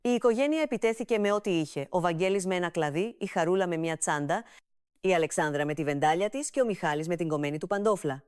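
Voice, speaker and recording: A woman narrating a comic family story with an even, steady storytelling delivery, recorded close to the mic. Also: on the low side, smooth, no room sound.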